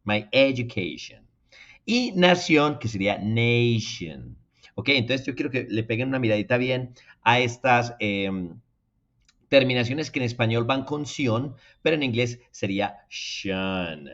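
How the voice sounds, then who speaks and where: A man from Latin America teaching an English lesson, repeating each word slowly and often, then talking quickly to the viewers at home. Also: mid-range voice, animated, a bit bright, dull audio. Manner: drills words slowly and repeats them, then talks fast; addresses viewers directly, encouraging them to repeat. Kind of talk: spoken language lesson.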